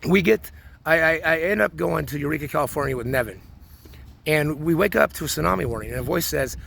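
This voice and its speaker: A man's voice: on the high side, expressive, a little fast, creaky, fairly bright tone, a little hiss or hum. A man in his forties talking through a rambling personal monologue, full of restarts and repeated words. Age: 40s. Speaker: vlogger.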